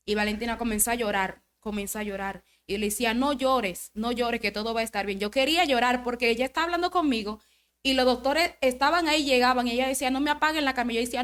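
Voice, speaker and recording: A woman's voice: on the high side, a bit bright. Woman guest sharing a heartfelt faith testimony; storyteller who voices the quoted lines and repeats for weight. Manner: storytelling, acts out quoted dialogue; repeats phrases for emphasis. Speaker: podcast guest giving testimony. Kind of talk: emotional religious testimony.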